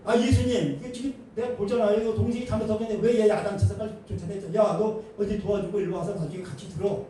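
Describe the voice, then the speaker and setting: A man's voice: sits high, rapid-fire, mellow, a little hiss or hum, close to an everyday voice. A male pastor voicing an exasperated, indignant older sister who complains and accuses in a sermon retelling. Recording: echoey hall, distant mic.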